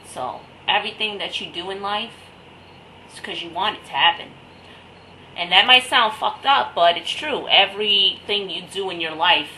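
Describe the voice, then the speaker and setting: Bright-voiced young woman rambling to camera. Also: on the low side, a little hiss or hum, rough recording. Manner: meandering, loose and jokey, slangy. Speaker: vlogger. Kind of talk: casual rambling chat to camera.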